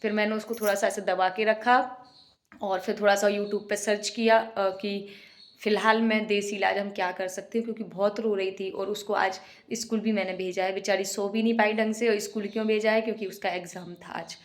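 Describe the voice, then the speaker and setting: A young woman venting emotionally in a casual home vlog, often speaking quietly while cooking in her kitchen. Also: medium pitch, little pitch movement, brisk. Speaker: vlogger, single mother.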